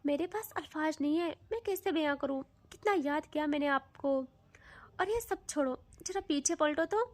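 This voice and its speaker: A woman voicing a gentle, loving young mother who scolds softly. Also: sits high, moderate pace, no room sound, lightly acted. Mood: tender. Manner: soft, tender, mildly scolding.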